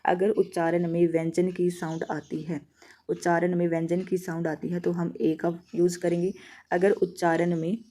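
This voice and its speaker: A woman with a Haryanvi Hindi accent teaching an exam-prep grammar lesson. Her voice is mellow and sits slightly low. She poses questions and answers them herself, and she slows down to read out example sentences. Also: level tone. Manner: reads example sentences slowly.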